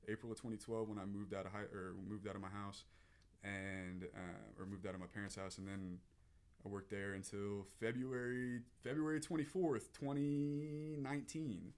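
Young oklahoma guy on a podcast, kinda low voice, earnest, trips over his words a lot. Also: fairly even intonation, normal speed, darkish tone. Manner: earnest, emotional, many restarts. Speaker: podcast guest. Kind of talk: casual podcast storytelling.

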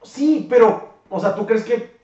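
A man's voice: extremely high pitch, unhurried, a little mellow. Probing Mexican man in an echoey room. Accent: Mexican Spanish. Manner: probing, questioning. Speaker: podcast co-host. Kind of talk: casual debate. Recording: very echoey room, distant mic, dull sound.

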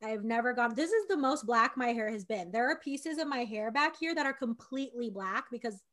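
A young woman in her twenties chats on a podcast with effusive energy and casual swearing. Her voice sits a bit high and rings bright and forceful. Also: expressive, fairly quick. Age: 20s. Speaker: podcast co-host. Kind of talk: casual chat.

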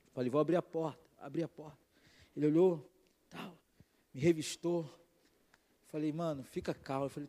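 High-voiced pastor preaching fiery. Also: male voice. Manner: fiery, shouting crescendos, storytelling asides. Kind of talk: sermon. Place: church sanctuary. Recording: long hall reverb.

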